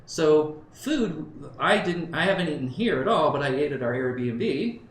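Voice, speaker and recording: A man's voice: on the high side, lively intonation, measured pace. A man in his fifties from Southern California giving a conversational conference presentation to a live audience, often checking in with his listeners and thinking aloud. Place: conference room. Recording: roomy live talk recording with faint background noise.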